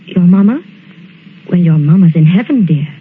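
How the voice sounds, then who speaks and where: A woman acting a gentle, anxious genteel lady in a soothing, earnest 1940s radio suspense style. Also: fairly low pitch, animated, moderate pace, slight background noise, close to an everyday voice. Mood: gentle, coaxing. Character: gentle anxious genteel lady friend, Miss Amanda, narrating her diary. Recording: tinny band-limited old radio, organ music behind.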